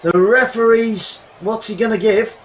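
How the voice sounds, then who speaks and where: High-voiced man calling a match live, excitable and sweary, shouts at the team, slightly dull stream audio with a faint hum. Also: a little slow, recorded from a distance. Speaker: watchalong commentator. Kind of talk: live football commentary.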